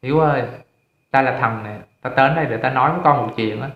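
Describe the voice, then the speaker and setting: A man's voice: medium pitch, fast talker, natural voice. Man playing a kindly old god, soothing fatherly tone, dull roomy sound. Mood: gentle. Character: kindly old male god speaking in a dream.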